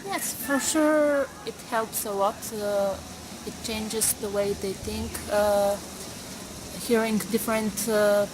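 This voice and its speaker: A woman of twenty-two, a student answering interview questions slowly, pausing often on fillers. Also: medium pitch, fairly even intonation. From Bulgaria. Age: 20s. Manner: hesitant, many pauses and fillers. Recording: noisy background.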